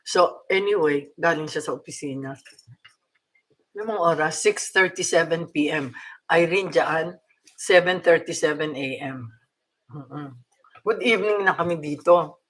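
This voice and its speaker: Chatty older Filipino woman, bright voice. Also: sits low, measured pace, pauses often. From Philippines. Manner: chatty, laughs often, mixes in English. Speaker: vlogger. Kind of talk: casual chat to viewers. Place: home.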